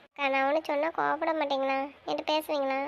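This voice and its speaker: A young woman acting a naive, earnest girl who pleads softly about a crush in an amateur drama. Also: high voice, little pitch movement, fast talker, gravelly, muffled recording, a little hiss or hum. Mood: pleading.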